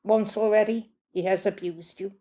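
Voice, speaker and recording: A woman's voice: mid-range voice, steady tone, normal speed, warm tone, close to an everyday voice. A woman reading the lines of a courteous older male butler with precise, formal diction. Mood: calm.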